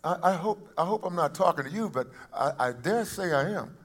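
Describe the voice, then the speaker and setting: A man with a high voice preaches a sermon to his congregation. He drops to quiet, conversational asides, then rises to loud, emphatic calls. He often repeats a word and restarts his phrase as he goes. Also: animated, fairly quick. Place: church service before a congregation.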